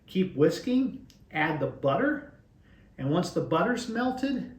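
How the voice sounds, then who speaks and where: A man's voice: high voice, big pitch swings, slow pace. A man in his forties from Western Kansas, with a Western Kansas accent, hosting a casual home cooking demonstration with folksy, rambling explanations. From Western Kansas, USA. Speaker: host of a DIY cooking channel. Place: home kitchen at the stove. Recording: roomy, distant kitchen sound.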